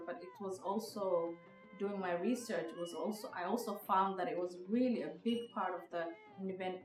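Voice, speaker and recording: A fairly low-pitched female voice comes through a distant mic, with room echo and music underneath. It belongs to a thirty-something Somali visual artist on a podcast, who narrates her own experiences in a pensive, hesitant way, peppered with fillers and restarts.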